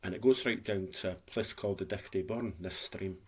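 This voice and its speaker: Scottish guy in his 50s from dundee, kinda low voice, cant say his r so it comes out w, just rambling away casually. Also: fairly even intonation, brisk, slight background noise. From Scotland. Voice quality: speech impediment, says w for r. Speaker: vlogger.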